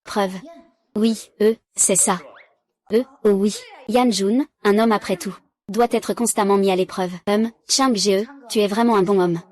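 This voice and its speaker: A woman's voice: mid-range voice, steady tone, a little slow, a little mellow. A woman reading dubbed drama dialogue, giving every character's lines in the same plain voice. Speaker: dub voice for a drama recap.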